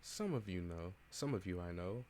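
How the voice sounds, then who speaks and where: A man's voice: sits low, lively intonation, normal speed, darkish tone, slight background noise. Man reading as a cold, implacable masked captain. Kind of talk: reading a game aloud in voices.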